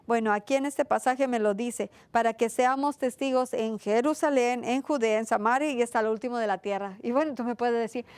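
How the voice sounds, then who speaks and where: A woman's voice: on the high side, a little fast, few pauses, a little mellow, smooth, dry recording. A woman preaching a sermon in an earnest, repetitive way, asking questions and answering them herself.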